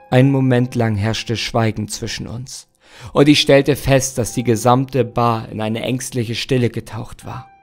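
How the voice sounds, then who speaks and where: Gravelly guy reading a creepy story, mid-pitched, faint music behind. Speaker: horror story narrator. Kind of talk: scripted horror narration.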